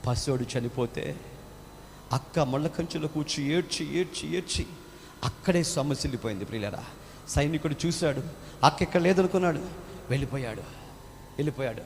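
High-voiced male pastor in a reverberant hall. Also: fairly quick, long pauses. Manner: dramatic, emotive storytelling. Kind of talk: storytelling sermon. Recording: echoey hall, faint background noise.

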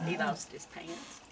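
A middle-aged woman chatting casually and laughing a lot, in a sing-song voice for the animals, filmed on an outdoor deck at night with a phone camera a few steps away. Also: extremely high pitch. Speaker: companion feeding raccoons. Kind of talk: casual chat. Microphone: phone camera held a few steps away. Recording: noisy outdoor phone recording.

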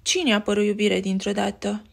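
A woman reading a picture book aloud to a child, lively and pointing out the pictures as she goes. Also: mid-range voice, gravelly, a little hiss or hum. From Romania.

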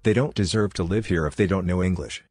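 A man's voice: sits low, fast talker, darkish tone, slightly rough, no echo, faint music behind. A man reading as an indignant entitled woman diner. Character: rude entitled middle-aged woman diner.

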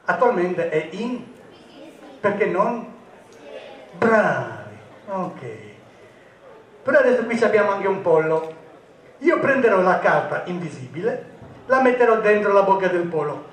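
Magician guy, high voice, jokey teasing patter, echoey and distant. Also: very animated, a little slow, long pauses, a little hiss or hum. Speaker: stage magician. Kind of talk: comic magic show patter to a live audience. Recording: echoey, distant stage recording.

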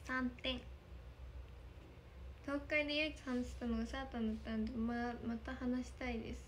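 A woman's voice: fairly high pitch, flat delivery, moderate pace, a little hiss or hum. A young woman in a casual livestream, reading viewer comments, thanking them often and giggling. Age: young adult. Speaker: idol livestreamer. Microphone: phone camera.

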